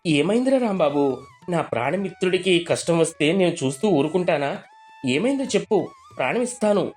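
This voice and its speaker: A man voicing a naive, generous village husband in an animated story, soft-hearted and trusting. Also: sits high, moderate pace, soft background music. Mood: cheerful.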